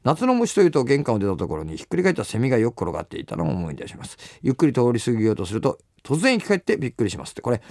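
A middle-aged man, a musician, chatting casually and telling stories in an animated way, acting out the lines of people he quotes. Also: medium pitch, very fast, hardly any pauses, no echo, clean studio sound. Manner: animated storyteller who acts out quoted exchanges. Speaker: musician and show host. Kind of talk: casual chat.

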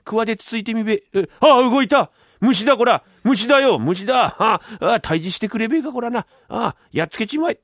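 A man voicing excitable male villagers who talk in a rough country dialect. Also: high-pitched, quick pace, few pauses, dry recording, studio quality, pitched above the performer's own voice, exaggerated voice. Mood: alarmed. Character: excitable rustic male villagers, loud and alarmed.

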